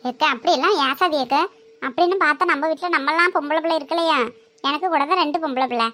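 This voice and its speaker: Woman as a gentle pleading neighbor woman. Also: sits high, fast talker. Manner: gentle, reasoning, chiding softly.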